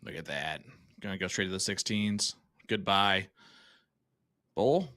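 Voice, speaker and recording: A man's voice: low-pitched, normal speed, pushed and bright. A man giving live darts commentary with joking banter.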